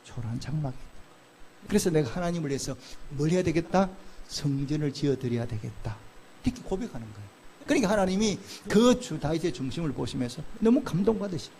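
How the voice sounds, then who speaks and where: A man preaching a sermon as pastor, asking the congregation questions and answering them himself, moving between loud exclamations and soft, slow murmurs. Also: a little high, very animated, creaky.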